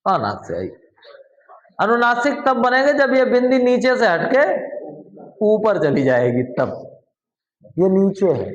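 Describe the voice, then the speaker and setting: A man's voice: sits high, a little slow, pauses often, reverberant, lo-fi sound. A man teaching a classroom lesson, explaining step by step and often putting questions to his students. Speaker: Hindi teacher.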